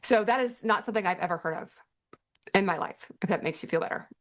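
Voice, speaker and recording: A woman's voice: medium pitch, quick pace. A middle-aged woman hosting a parenting workshop, answering questions in a chatty way with dry sarcastic asides. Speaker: workshop host and parent advocate. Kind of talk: casual teaching Q&A.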